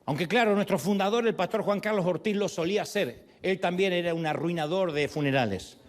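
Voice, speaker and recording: A male pastor preaching a sermon, telling the story with animated storytelling and acting out the people he quotes. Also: sits high, a little fast.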